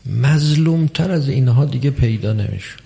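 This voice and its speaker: A man preaching a religious sermon, measured and emphatic, with long pauses between phrases. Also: mid-range voice, animated, gravelly, mellow. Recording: long hall reverb.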